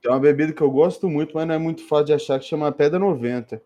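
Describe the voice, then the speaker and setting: Fast-talking Brazilian man, slangy banter. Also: on the high side, mellow, dull audio. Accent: Brazilian Portuguese. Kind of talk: casual group chat.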